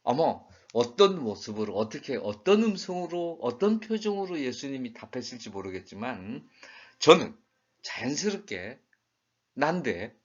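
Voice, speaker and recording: A man's voice: medium pitch, husky. A man giving a conversational Bible study lecture, asking rhetorical questions and acting out quoted lines in regional dialects. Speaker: Bible teacher. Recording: dull lo-fi recording.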